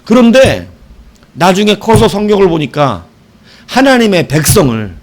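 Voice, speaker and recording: Middle-aged male pastor, sermon delivery, highish voice with big lively swings, shouted exclamations. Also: a little slow. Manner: animated storytelling, shouting exclamations, asks the congregation questions. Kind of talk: evening sermon.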